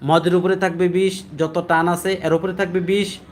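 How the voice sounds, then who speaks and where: A man teaching Quran recitation, explaining the rules and then chanting verses slowly. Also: high-pitched, flat delivery.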